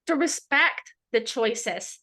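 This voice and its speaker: A Spanish-accented woman presents a webinar over a video call, her voice a little high, bright and clear. She speaks slowly and earnestly with lively intonation, repeating key words to drive them home.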